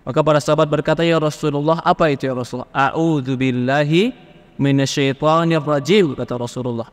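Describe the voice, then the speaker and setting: Male preacher, fairly high voice, animated delivery, long reverb of a hall. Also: very fast. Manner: lively, acts out questioners from the congregation. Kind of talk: Islamic sermon on marriage.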